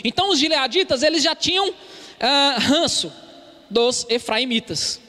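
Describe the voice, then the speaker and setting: A Brazilian preacher delivers an earnest sermon in a very high, bright, forceful voice. He keeps calling his listeners brothers. His words ring out with a long reverb, as in a church hall. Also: lively intonation, unhurried. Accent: Brazilian Portuguese. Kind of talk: expository sermon.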